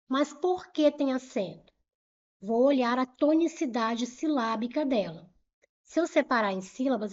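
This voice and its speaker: A woman's voice: fairly high pitch, darkish tone, lo-fi sound. A middle-aged woman teaching grammar in an online exam-prep lesson, explaining step by step, repeating key points and asking rhetorical questions, and urging viewers to keep moving. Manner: brisk and urging, pushes the viewer to move on.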